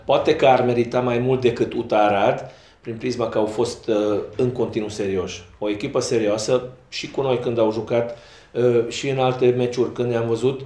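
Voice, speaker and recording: A man's voice: medium pitch, steady tone, a little mellow. A man speaking as a football coach at a post-match press conference, frank and self-critical. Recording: roomy echo.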